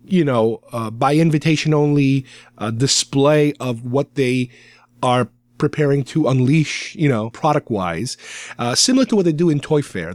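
A man's voice: medium pitch, darkish tone, dry recording. A man hosting a podcast with casual, rambling hobbyist commentary. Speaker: podcast host.

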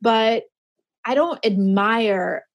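A woman's voice: fairly high pitch, drawn-out words, dull audio. A woman in her forties talking openly and earnestly as an interview guest, emotional at times. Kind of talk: candid personal conversation.

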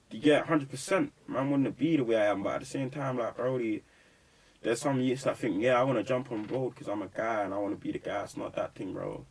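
In a casual interview, a young male rapper speaks with a mid-range, darkish voice and a London roadman accent thick with urban slang. He delivers his points forcefully and preachily, and the mic sits a little way off.

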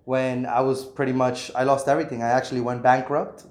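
A man's voice: medium pitch, little pitch movement, brisk, a little mellow. A man in his thirties, a realtor guest in an empty apartment, talking frankly and earnestly with many "you know"s. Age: 30s. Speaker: realtor and property investor, guest. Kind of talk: casual interview. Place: vacant apartment unit indoors. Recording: echoey empty room.

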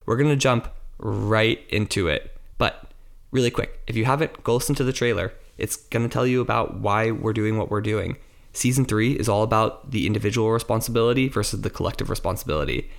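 A podcast host with a fairly low voice and some vocal fry speaks fairly quickly, eagerly introducing and quizzing his guest. He rambles a bit and laughs easily in this enthusiastic interview.

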